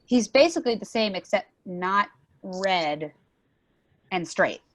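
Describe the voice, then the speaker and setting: Awkward, questioning young woman played by an actress, slow delivery, dry skepticism, table-read drama. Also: mid-range voice, expressive. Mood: skeptical. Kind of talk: amateur play reading.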